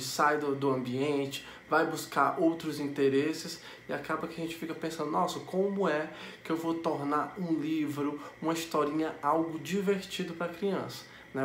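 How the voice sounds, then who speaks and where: A man with a Brazilian Portuguese accent explains things to parents the way a psychologist would, patient and didactic, asking himself rhetorical questions. His voice sits a little higher than most men's. It is recorded in an echoey room with a faint ambience behind it. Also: a bit bright, a little hiss or hum.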